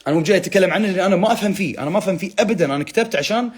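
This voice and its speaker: A man's voice: high-pitched, rapid-fire, slightly rough, soft background music. A young man hosting a casual phone livestream, chatty and teasing as he reads viewers' comments aloud in bursts. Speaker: livestream host. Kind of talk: casual live chat reading comments.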